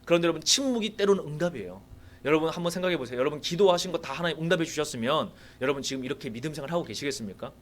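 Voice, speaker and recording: A man's voice: on the high side, very fast. A man giving a sermon with a personal testimony in a church, telling his story with animation and turning to the congregation with questions. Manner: animated storytelling, acting out his own prayers; addresses the congregation directly with rhetorical questions. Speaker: guest preacher at a revival meeting. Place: church sanctuary.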